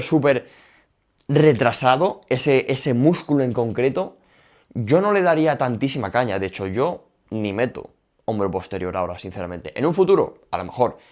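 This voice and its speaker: A young man with a Spain Spanish accent giving casual, emphatic training advice, repeating his points directly. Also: medium pitch. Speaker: fitness youtuber. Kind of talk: casual gym advice talk.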